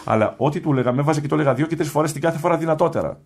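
A man telling a personal story in an interview, soft-spoken, unhurried and reflective. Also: fairly high pitch. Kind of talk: storytelling in conversation.

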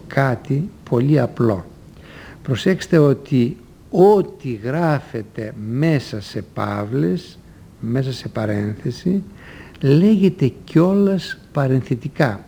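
A man teaching a language lesson, reading example sentences in a measured, deliberate way with careful pauses. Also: mid-range voice, creaky, mellow, slight background noise.

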